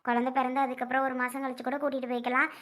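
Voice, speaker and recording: A bossy middle-aged aunt, played by a woman in a family skit, scolding and coaxing without letting anyone get a word in. Her voice sits high and bright and races along. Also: level tone. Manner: scolding and persuasive, rapid and insistent.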